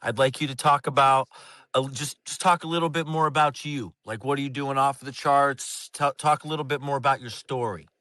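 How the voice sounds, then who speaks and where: A man's voice: mid-range voice, steady tone, a little fast, bright, forceful tone, no echo. Casual man moderating a live room. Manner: casual, firm, organizing. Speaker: host, moderator.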